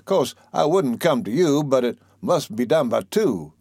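A man's voice: mid-range voice, lively intonation, measured pace, a little mellow, breathy edge, no room sound, studio quality. A man putting on a sly little weasel. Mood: scheming. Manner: crafty, persuasive, sly. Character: small, sly male weasel schemer.

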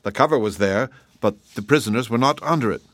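A man's voice: mid-range voice, fast talker, a bit bright, dry recording, close to an everyday voice. Storybook henchman: man doing a blunt, matter-of-fact gnome executioner. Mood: deadpan. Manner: blunt, positive.

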